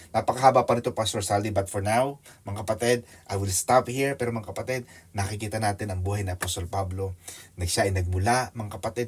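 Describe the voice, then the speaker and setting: A man preaching a sermon in church, mixing Tagalog with English, calling on listeners by name, moving between loud excited storytelling and hushed quiet asides. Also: on the low side.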